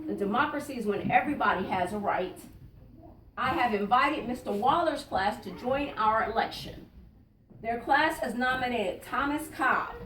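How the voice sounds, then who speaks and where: High-voiced woman reading a picture book. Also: noisy background. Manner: asks the children questions and explains words as she reads. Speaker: politician reading aloud to children. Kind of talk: expressive picture-book read-aloud. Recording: echoey room, voice from a distance.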